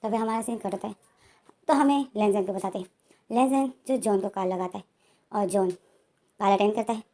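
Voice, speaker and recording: A woman's voice: mid-range voice, moderate pace, warm tone. A woman casually retelling a story, rambling along with many linking words and fillers.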